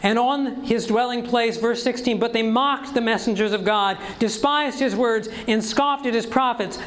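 Male preacher, very high-pitched, emphatic sermon delivery heavy on rhetorical questions. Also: a bit bright, rough recording.

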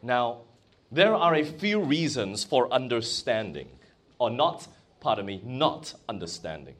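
A man's voice: medium pitch, very animated, unhurried, a bit bright. A man preaching a sermon in a church or conference hall, asking the congregation questions as he goes.

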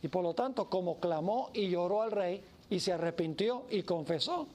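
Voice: mid-range voice, animated, normal speed, darkish tone. A preacher giving an emphatic sermon who acts out the voices of the story.

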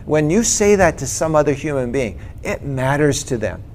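A man's voice: on the high side, sing-song, moderate pace, darkish tone, slight background noise. Chatty man sharing his own testimony. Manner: keeps checking in with "right?" and "okay?". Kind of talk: personal testimony, conversational.

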